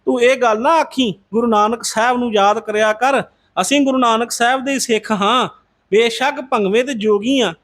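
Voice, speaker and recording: An old wandering yogi, stern yet kindly, speaks in a retold devotional tale. A man telling the story puts him on with a very high voice for a man and a plain, firm delivery. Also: steady tone, moderate pace, fairly bright tone. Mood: stern advice. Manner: scolding, then giving blessing-like advice.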